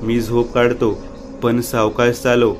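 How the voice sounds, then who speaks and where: A man's voice: mid-range voice, level tone, slow pace, a little hiss or hum, natural voice. A man voicing a stubborn, hot-tempered young man in a storybook reading.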